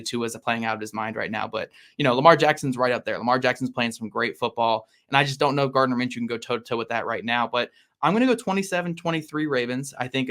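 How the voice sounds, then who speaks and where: A man's voice: medium pitch, a bit bright. A man appearing as a guest on a sports podcast, making emphatic points about football and repeating them for weight. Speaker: guest analyst. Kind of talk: casual sports podcast chat.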